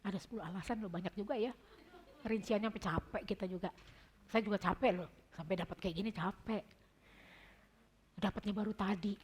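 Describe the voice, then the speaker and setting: A woman's voice: mid-range voice, fairly quick, pauses often, breathy edge. A woman giving an informal devotional talk at a prayer gathering, chatty and telling personal stories as she addresses her listeners affectionately. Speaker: devotional speaker.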